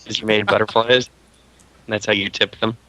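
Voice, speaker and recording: Teasing player with a low, bright voice. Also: male voice, little pitch movement, moderate pace, poor audio. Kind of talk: casual tabletop banter.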